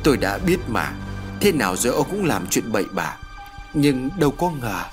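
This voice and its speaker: A man voicing a frantic, grieving old peasant mother, with shrill, wailing pleas. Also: expressive, moderate pace, over music, lightly acted. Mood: distraught.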